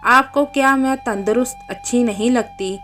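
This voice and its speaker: A woman voicing a rude, sharp-tongued young wife in a read-aloud story, speaking curtly and mockingly. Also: on the high side, normal speed, faint music behind, natural voice. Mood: snappish. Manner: curt and mocking.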